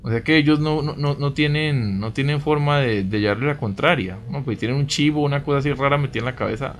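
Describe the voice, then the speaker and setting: A man's voice: mid-range voice, quick pace. A man doing casual let's play commentary, chatty, reading game dialogue aloud and reacting with exclamations and asides. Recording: music behind the voice. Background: game music.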